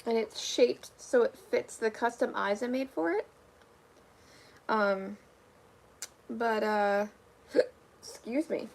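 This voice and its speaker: A woman's voice: fairly high pitch, takes it slowly, gravelly, pauses often. A young woman livestreaming her craft work, chatting casually with viewers and answering comments, her voice tired from talking. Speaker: livestreamer making fursuits.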